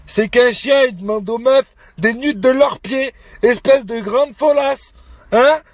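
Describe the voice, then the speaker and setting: Very high-voiced angry ranting man. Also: slow, no echo. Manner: aggressive, threatening, hurls insults. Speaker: Snapchat vlogger. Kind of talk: angry phone rant to followers.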